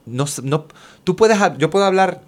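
A man, a music therapist talking as a guest in a casual conversation and explaining with lively examples. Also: sits high, moderate pace. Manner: animated, explains with examples, Caribbean Spanish slang.

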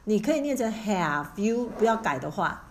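A woman teacher leads a classroom pronunciation drill, firing short questions and echoing each word back to correct her students. Her voice sits at an ordinary middle pitch. A faint hiss runs underneath. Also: very animated, normal speed.

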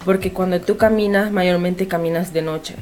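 In a casual interview, a guest with a Honduran Spanish accent shares a personal story, speaking straight to the listener. Her fairly low, darkish voice keeps a steady tone at a moderate pace.

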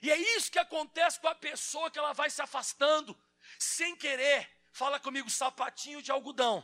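A male pastor delivers an animated sermon, jumping into acted-out quotes and personal stories. His voice sits very high and sounds bright and sharp. He talks straight to his congregation the whole way through. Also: brisk.

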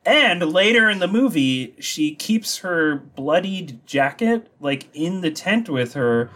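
A man's voice: on the high side, slow pace. A man co-hosting a podcast, chatting casually about movies and tossing in mocking impressions. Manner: animated, mocking impressions of characters. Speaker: podcast co-host.

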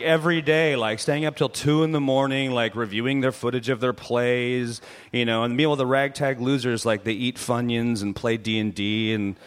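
Man, comic reporter, rambling rant, mid-pitched everyday voice. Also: a bit bright. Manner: rambling, full of "like" and "you know". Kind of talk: comedic rant on live radio.

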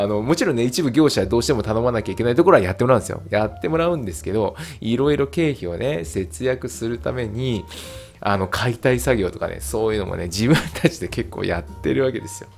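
This man hosts a casual solo podcast and also teaches English. He chats away with a lively pitch, sprinkling in plenty of fillers and laughter.

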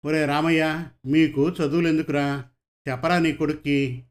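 A man's voice: a little high, flat delivery, normal speed, natural voice. A man voicing a domineering rich village landlord who scolds and orders his workers about. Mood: scolding. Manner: scolding, bossy.

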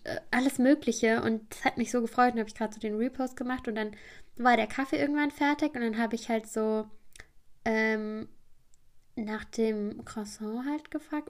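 Chatty woman podcaster, slightly high voice. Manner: rambling, chatty, full of fillers. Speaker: podcast host. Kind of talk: casual storytelling podcast.

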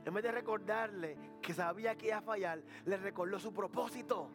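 Male pastor, high voice, preaching with call-and-response questions and acted-out dialogue. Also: fairly quick, music in the background. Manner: preaching with repetitions and rhetorical questions to the congregation; acts out dialogue between Jesus and Peter. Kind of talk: sermon.

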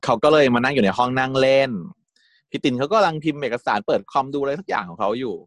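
A man's voice: mid-range voice, lively intonation, fast talker, no room sound, studio quality. Chatty man recapping a show. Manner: chatty, giggles often, acts out quotes. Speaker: series recap host. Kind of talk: casual storytelling recap.

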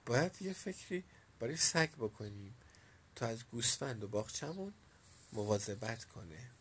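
A man voicing a timid, wistful old village man in a storybook reading, in a soft, plain-spoken way. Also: mid-range voice, very animated, a little hiss or hum, close to an everyday voice. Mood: gentle.

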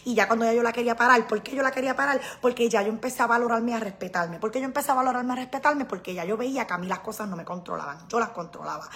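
A woman's voice: fairly high pitch, rapid-fire, few pauses, fairly bright tone. A middle-aged woman, talking casually and emphatically to her viewers, often repeating herself. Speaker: vlogger. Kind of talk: casual live-stream talk to viewers.

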